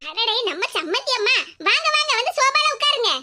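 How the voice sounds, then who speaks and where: A woman voicing an older mother who tries to calm an angry guest in an animated cartoon, with a Kanyakumari Tamil accent. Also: extremely high pitch, fairly quick, background noise. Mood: placating. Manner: placating, pleading.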